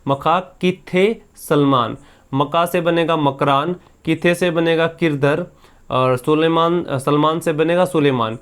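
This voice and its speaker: Male tutor voice-over, fairly high and resonant, question-and-repeat drilling style. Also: fairly even intonation, a little slow, smooth. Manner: asks and answers his own questions, repeating drills. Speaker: teacher. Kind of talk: geography lesson over a map.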